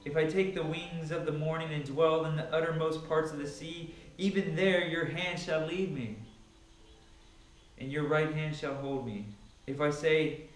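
This Bible reader's voice is a little high. In a large, sparsely furnished living room at home, he gives a casual introduction before a dramatic scripture reading. He is captured by a camera a few metres away, so the recording sounds distant and echoey.

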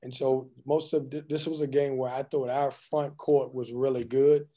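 A man in his forties speaks over a video call webcam, his voice mellow and dark-toned. He answers postgame questions in a candid, loose and joking way. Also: medium pitch, flat delivery, normal speed. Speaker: head basketball coach. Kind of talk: postgame press conference. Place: indoors in front of a team backdrop.

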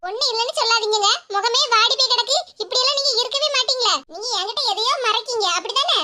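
A female voice actor, speaking fast at an extremely high pitch, plays a worried village wife in a cartoon with a Kanyakumari Tamil accent. She coaxes her husband, pleading and questioning insistently, over a noisy background hiss.

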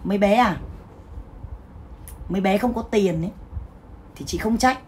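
A woman's voice: mid-range voice, measured pace, a little mellow, slight background noise. A woman hosting a livestream sale who rants and scolds her viewers with a foul mouth. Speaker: livestream seller. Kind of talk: livestream sales talk.

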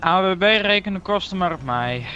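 A man playing a bright, calm cop. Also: sits high, fairly quick, muffled recording, slight background noise. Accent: Dutch. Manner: calming, hesitant. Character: calm male police officer. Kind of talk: game role-play voice chat.

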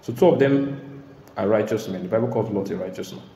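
A man preaching a sermon in an emphatic way, now and then bursting into shouts and laughter. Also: fairly low pitch, brisk. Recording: echoey hall.

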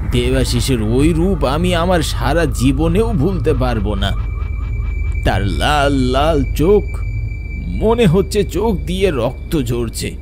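Slow dramatic male storyteller. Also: medium pitch, slight background noise. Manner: dramatic, slow and hushed at scary moments. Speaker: narrator. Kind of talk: storytelling narration.

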